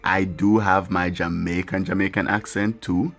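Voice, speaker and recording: This gaming channel host has a low, gravelly, fairly bright voice, delivered flatly at normal speed. He rambles casually over his gameplay, talks candidly and swears occasionally, with his own music faintly audible.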